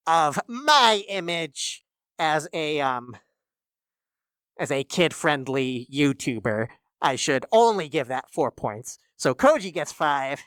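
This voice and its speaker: A woman hosting a reaction video, musing aloud in a halting, wry way. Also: lowish voice, clean tone, no echo, studio quality. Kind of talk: casual reaction commentary.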